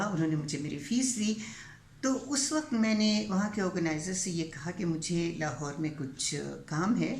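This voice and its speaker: An older woman storyteller narrating a true story in first person, measured and dramatic with drawn-out pauses. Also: fairly low pitch. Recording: roomy echo, faint background hiss.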